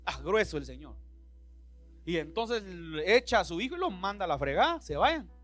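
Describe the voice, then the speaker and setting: Bright-voiced, high-pitched preaching man. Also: very animated, normal speed, soft background music. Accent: Central American Spanish. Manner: impassioned, acts out Bible dialogue in voices. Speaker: pastor. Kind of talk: sermon. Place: church.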